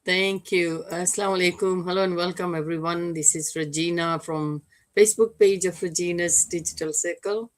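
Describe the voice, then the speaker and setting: A retired woman in her sixties from Fiji, co-hosting an online show and introducing herself in a relaxed way. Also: fairly low pitch, moderate pace. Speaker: co-host. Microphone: video call.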